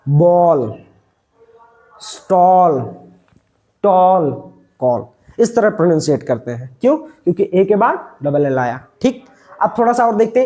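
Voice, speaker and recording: A man's voice: high-pitched, dark tone. A man teaching English pronunciation, repeating each word and asking himself what it is read as before answering. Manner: repeats words and quizzes himself with questions; stretches out key sounds slowly. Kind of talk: pronunciation lesson.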